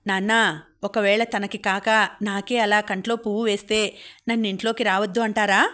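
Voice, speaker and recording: A woman's voice: mid-range voice, little pitch movement, normal speed, natural voice. Woman reading as an angry young husband. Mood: indignant. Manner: stern, shouting at his father. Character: young husband, angry defender of his wife.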